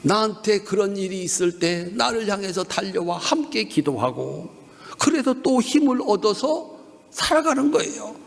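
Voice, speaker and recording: A man's voice: sits high, moderate pace, vocal fry. A man preaching at an evening revival service with a Chungcheong Korean accent, leading the congregation in call-and-response lines. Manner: animated, leads the congregation in call-and-response repetition. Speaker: guest pastor. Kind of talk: revival sermon. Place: church sanctuary during an evening revival service. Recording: long reverb of a church hall.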